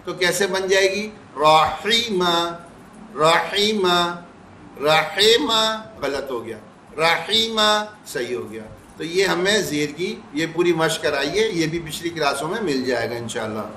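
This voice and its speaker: A man teaching recitation, patiently repeating sounds slowly to demonstrate them. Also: on the high side, animated, fairly bright tone, roomy sound, slight background noise. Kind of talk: explanatory lesson.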